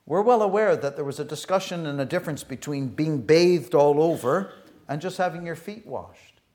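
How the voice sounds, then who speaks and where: A man delivers a sermon with a slightly higher voice than most men. He talks earnestly, stumbling and restarting phrases, dropping quiet one moment and pressing hard the next. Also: lively intonation. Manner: earnest, halting with frequent restarts; swings between soft reflective and loud emphatic. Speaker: preacher.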